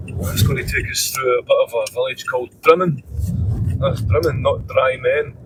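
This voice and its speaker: A man's voice: medium pitch, normal speed, background noise. A man with a Scottish accent, narrating a road trip from the driver's seat in a casual, chatty way. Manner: chatty, playfully withholding. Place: inside a moving car. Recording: distant voice in car, loud music.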